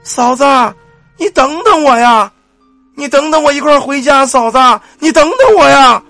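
Pleading teenage boy ghost from a spoken ghost story, high and drawn out, put on by a man. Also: expressive, moderate pace, fairly bright tone, no room sound, faint music behind, full character voice.

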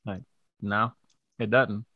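A man's voice: on the low side, level tone, slow pace, vocal fry, no room sound, phone-quality sound. A young adult man hosting a podcast in casual, agreeable chat, often laughing along. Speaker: podcast host.

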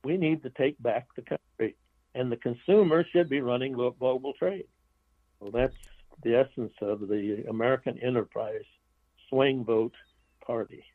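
A man's voice: medium pitch, moderate pace, no room sound. Rambling male guest on a phone line. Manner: rambling, restarts phrases, blunt opinions. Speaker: author and interview guest. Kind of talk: casual interview talk.

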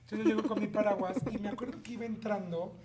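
A man with a Mexican accent, co-hosting a podcast and telling an animated, crude story full of slang and jokes. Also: high-pitched, fast talker, a loud crowd. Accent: Mexican Spanish. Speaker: podcast co-host. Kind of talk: casual chat.

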